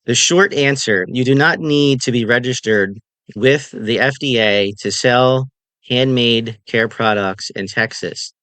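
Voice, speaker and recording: A man doing casual commentary, reading text from a screen slowly and deliberately with a sarcastic edge. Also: mid-range voice, fairly bright tone, no echo. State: talking with candy in mouth. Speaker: commentary vlogger.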